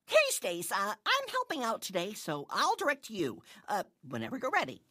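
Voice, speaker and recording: An actress playing a fussy, self-important young director in a radio comedy bit. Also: female voice, mid-range voice, wildly swooping pitch, moderate pace, sharp tone, heavily acted. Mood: bossy. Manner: bossy, theatrical.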